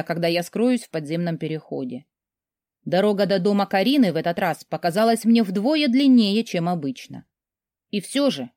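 A woman narrating a novel in the first person, in an expressive storytelling manner. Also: mid-range voice, no echo, clean studio sound. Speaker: audiobook narrator.

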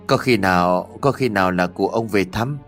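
A man voicing a calm, gruff middle-aged neighbor in a ghost story, speaking bluntly and brusquely. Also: sits low, normal speed, faint music behind, natural voice.

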